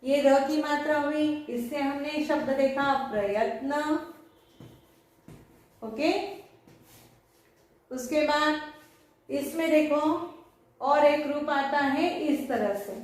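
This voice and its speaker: A high-pitched woman teaches a spelling lesson at a slow, patient pace, breaking words into single sounds. She sits back from the mic, and her voice rings around a very echoey room. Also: a little mellow, recorded from a distance. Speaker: school teacher. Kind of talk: online Hindi spelling lesson.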